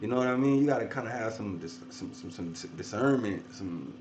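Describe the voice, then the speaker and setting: A man's voice: on the low side, expressive, brisk, lo-fi sound, noisy background. Casual man reacting on a stream. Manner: casual, conversational, uses fillers. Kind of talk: livestream reaction commentary.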